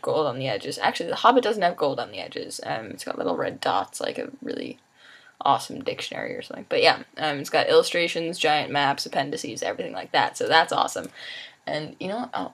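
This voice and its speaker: A sleepy young adult vlogger talks in a loose, rambling way, with plenty of filler words and casual swearing. The voice has a gravelly, fried edge. The pitch rises and falls widely through each thought. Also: fairly bright tone. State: sleepy and tired.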